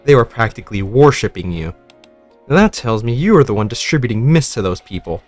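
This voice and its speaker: A man's voice: medium pitch, lively intonation, fairly quick, darkish tone, soft background music, lightly acted. A man voicing a suspicious young woman soldier who talks bluntly and accusingly, in a game story reading.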